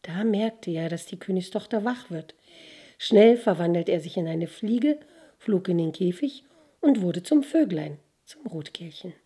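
A woman narrating a fairy tale with expressive storytelling. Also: fairly low pitch, unhurried, breathy edge.

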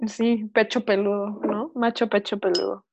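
A woman's voice: medium pitch, flat delivery, moderate pace, creaky, darkish tone. A woman with a Mexican accent chatting casually and informally as a podcast guest, with plenty of slang, in a slightly lo-fi recording.

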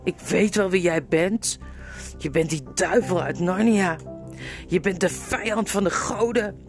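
A woman's voice: unhurried, faint music behind. A woman reading aloud and voicing an arrogant young prince who rants and shrieks boastful curses. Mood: raging. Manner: shrill, ranting, boastful.

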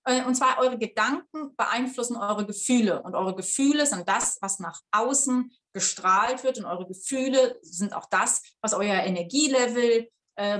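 A woman talking as a life coach, addressing viewers directly in a blunt, colloquial way and slowing down to stress her key points. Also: mid-range voice, a bit bright. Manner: blunt, colloquial, swears casually. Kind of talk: motivational coaching talk to viewers.

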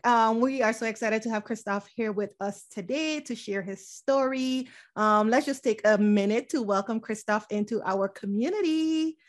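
A woman's voice: a little high, normal speed, hardly any pauses. A woman hosting a podcast, welcoming and interviewing her guest in an effusive, gushing way with frequent "um" and "so". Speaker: podcast host.

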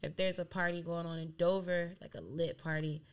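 This is a young female DJ from Delaware, a guest in a relaxed interview, whose voice is smooth, fairly quick and on the low side. She rambles animatedly, filling her speech with "like."

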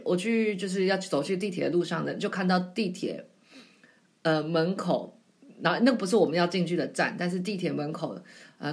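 Woman, mid-twenties, slightly low pitch; chatty solo podcast host, digressive and self-deprecating. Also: creaky. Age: 20s. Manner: chatty, rambling, self-mocking. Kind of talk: casual solo storytelling.

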